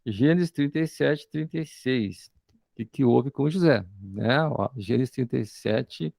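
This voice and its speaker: A man preaching a sermon with a Brazilian accent. He reads scripture aloud, explains it slowly, and ends nearly every phrase with a tag question calling for "amen". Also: mid-range voice, creaky, a little mellow, no echo, studio quality. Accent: Brazilian Portuguese.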